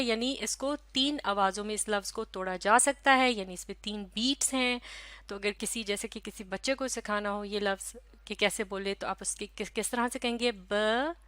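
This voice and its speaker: A woman teacher with a Pakistani Urdu accent, giving a recorded lesson to children, stretching out syllables slowly and asking questions that she answers herself. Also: a little high, a bit bright, no room sound. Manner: slow, careful, drawn-out syllables for children. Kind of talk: recorded classroom lecture.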